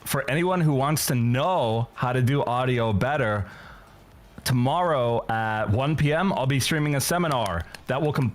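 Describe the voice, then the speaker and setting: A man from California, a guest talking in a measured, explanatory way in a casual chat. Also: medium pitch. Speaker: guest, audio engineer.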